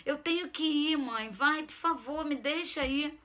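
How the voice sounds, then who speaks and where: A woman's voice: high voice, measured pace, pushed and bright, pitched above the performer's own voice. A woman voicing a pushy, sulky teenage boy who pleads insistently with his mother in a read-aloud story. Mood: pleading. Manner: insistent, exasperated, wheedling. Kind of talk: storytelling reading.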